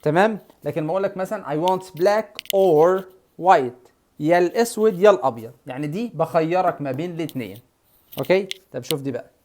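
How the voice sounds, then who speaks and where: A man's voice: on the high side, lively intonation, very fast. Egyptian man drilling English words. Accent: Egyptian Arabic. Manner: repeats words and drills the learner, varying his loudness. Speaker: English teacher. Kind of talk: casual classroom lesson.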